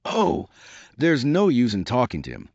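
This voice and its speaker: A man's voice: medium pitch, huge pitch swings, measured pace, a little mellow, no room sound, dull audio, exaggerated voice. A man reading aloud and voicing a polite, curious young girl in a raised, earnest, questioning tone. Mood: puzzled.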